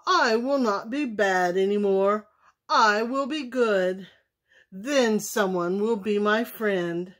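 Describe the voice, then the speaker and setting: A woman's voice: medium pitch, takes it slowly, fairly bright tone. A woman voicing a lonely big bad male wolf who tries to be good, speaking sweetly and politely in a storybook. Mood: sweetly earnest.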